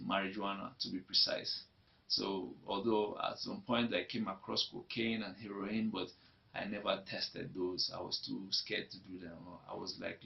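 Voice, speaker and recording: Low and gravelly, this young Nigerian man's voice carries a Nigerian accent as he reflects on his life in an interview. It's personal testimony that often repeats itself, heard through a dull lo-fi recording.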